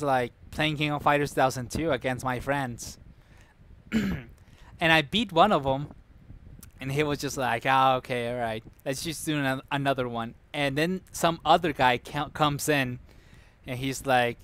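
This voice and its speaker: A man's voice: on the high side, a bit bright, slight background noise. A man streaming live, telling a rambling story, laughing often and correcting himself as he goes. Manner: reacts to chat mid-story.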